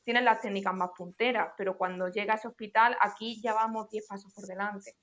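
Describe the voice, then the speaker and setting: Young woman cohost, mid pitch, lays out her points step by step. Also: steady tone, brisk, fairly bright tone. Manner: clear, explanatory, organized. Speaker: podcast co-host. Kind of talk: casual conversational podcast.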